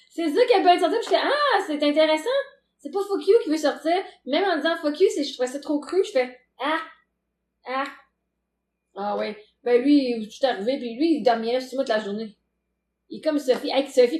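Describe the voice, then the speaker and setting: A playful woman with a Québécois accent hosts a casual live chat, laughing easily as she talks. Her voice sits high and bright in pitch. The recording has a roomy echo around it. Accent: Québécois French. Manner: chatty and playful, laughs often. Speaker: livestream host chatting with viewers.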